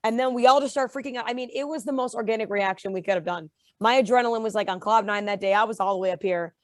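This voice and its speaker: A young woman guest in a casual interview, telling her story with lively pitch jumps when she acts out quotes. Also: fast talker, dry recording. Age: young adult. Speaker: interview guest, reality show contestant.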